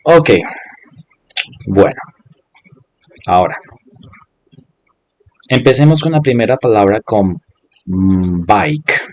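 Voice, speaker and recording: A man's voice: lowish voice, expressive, slow pace, long pauses, dry recording. A man teaching an English class in Spanish, patiently explaining and repeating each example step by step. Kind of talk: online class instruction.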